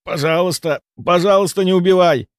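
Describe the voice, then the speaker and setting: A man's voice: on the high side, lively intonation, no room sound, studio quality, voice pushed up, natural voice. A man voicing a cowardly male healer who pleads and whines for his life. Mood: begging. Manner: pleading, whining, fast-talking.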